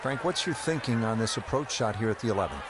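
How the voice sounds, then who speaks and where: A man's voice: medium pitch, expressive, fast talker, close to an everyday voice. A man voicing a composed play-by-play golf commentator in a video game broadcast. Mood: composed, approving. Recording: game music and crowd noise behind. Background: music and crowd.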